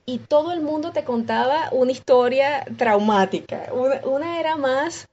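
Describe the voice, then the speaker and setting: A Venezuelan woman with a Venezuelan accent, a guest musician recounting her story in an interview with lively acted-out dialogue and frequent restarts. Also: sits high, normal speed, lo-fi sound. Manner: expressive, acts out quoted dialogue with many restarts.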